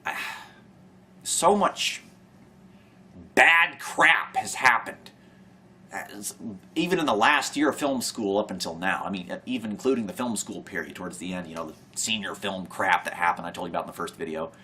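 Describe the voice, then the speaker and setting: A man's voice: deep voice, moderate pace, sharp tone. A young man talking to camera in a rambling, sardonic monologue, sighing often and trailing off mid-thought. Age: young adult. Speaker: vlogger.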